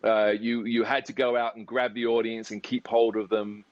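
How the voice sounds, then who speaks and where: A man's voice: mid-range voice, level tone, normal speed, dry recording, highs cut off. A man hosting a podcast, chatting casually and often repeating his words as he rambles. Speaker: podcast host. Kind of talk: casual interview chat.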